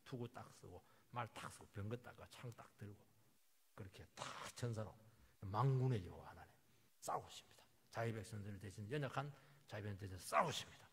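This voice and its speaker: A male pastor delivers a sermon with a raspy, somewhat high voice. His pitch leaps wildly from hushed asides to ringing emphatic bursts. The long reverb of a church hall hangs on every phrase. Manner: vivid, dramatic storytelling with sudden emphatic outbursts.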